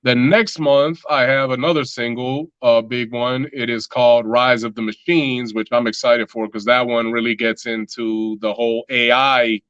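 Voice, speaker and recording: A man's voice: mid-range voice, fairly even intonation, normal speed, few pauses, fairly bright tone, clean tone, no echo, dull audio. A man talking as a musician guest in a casual interview, loose and rambling with lots of filler words.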